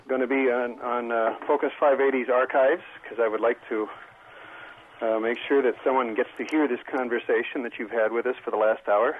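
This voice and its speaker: A man's voice: mid-range voice, a little hiss or hum. A man calling in to a radio talk show over a phone line, speaking earnestly and with opinions, often stopping to restart his sentences. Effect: heard over a phone line on the radio. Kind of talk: call-in comment to a public radio show.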